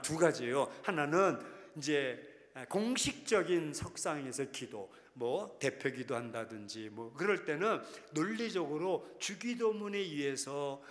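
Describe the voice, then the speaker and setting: A male pastor preaching in a casual, teasing way to his congregation, now and then breaking into impassioned acted prayers. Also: medium pitch. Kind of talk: sermon. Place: large prayer hall. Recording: long hall reverb.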